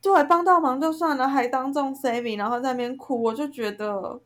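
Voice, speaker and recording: A woman's voice: high-pitched, fairly quick. Young woman venting heatedly. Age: young adult. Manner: heated, ranting, animated storytelling. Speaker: podcast co-host. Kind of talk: casual venting chat.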